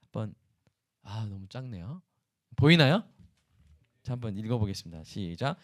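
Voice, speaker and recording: A male pastor preaching a sermon in an animated way, often asking the congregation questions. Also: fairly low pitch, moderate pace.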